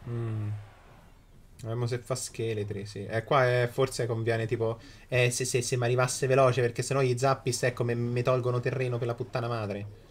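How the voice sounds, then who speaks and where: A man's voice: mid-range voice, level tone, normal speed. Emphatic game streamer guy, noisy background. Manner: emphatic, exasperated exclamations and crude swearing; repeats phrases for emphasis. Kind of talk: live mobile game commentary. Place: small indoor streaming room.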